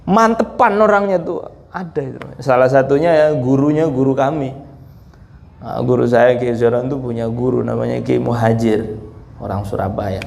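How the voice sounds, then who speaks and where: A man preaching in a relaxed, storytelling way. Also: mid-range voice, gravelly, slight background noise. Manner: relaxed, chatty, mixes in laughs. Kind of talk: sermon storytelling.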